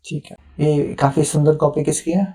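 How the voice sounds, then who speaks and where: A man's voice: on the high side, little pitch movement, normal speed, warm tone, breathy edge. A young adult man, a teacher, giving live feedback on students' written answers and reading them aloud in a patient, instructive way. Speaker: teacher evaluating answer sheets.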